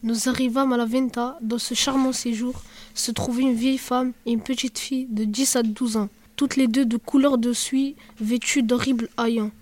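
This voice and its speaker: A woman narrating a story in measured, scripted narration. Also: fairly high pitch, fairly even intonation.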